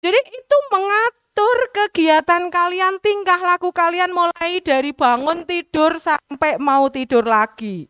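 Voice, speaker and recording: A woman's voice: very high-pitched, a little slow, a bit bright, dry recording, clean studio sound. A middle-aged woman teacher with a Javanese accent, talking to students in a chatty way and acting out everyday examples. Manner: chatty, mixes in local dialect, acts out examples. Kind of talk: school orientation talk. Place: school hall.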